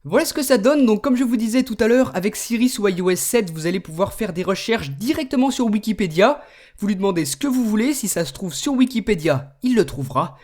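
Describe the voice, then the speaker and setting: Relaxed man demoing a phone. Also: sits high, brisk. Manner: relaxed, explanatory, speaks commands to the phone. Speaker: tech video host. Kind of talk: screen demo tutorial.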